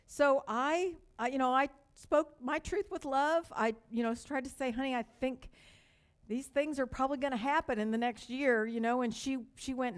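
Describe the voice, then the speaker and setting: An older woman pastor from Texas, with a light accent and a slightly high voice, preaches a sermon. She moves slowly, repeating points for emphasis and drifting into storytelling asides.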